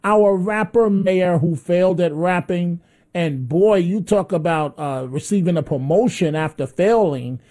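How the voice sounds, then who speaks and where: A man's voice: sits high, a little slow, warm tone. A man hosting a call-in radio show, giving opinionated commentary and pressing callers impatiently.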